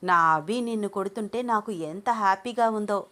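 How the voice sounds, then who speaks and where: A woman's voice: mid-range voice, moderate pace, sharp tone, lightly acted. A woman voicing Shweta, a scheming young woman who talks smugly about her plan. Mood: gloating. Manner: smug, gloating.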